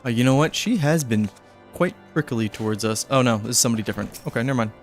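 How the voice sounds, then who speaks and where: A man's voice: medium pitch, fast, faint music behind. Chatty man commenting on gameplay. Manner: chatty, joking asides to the game. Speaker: gaming streamer.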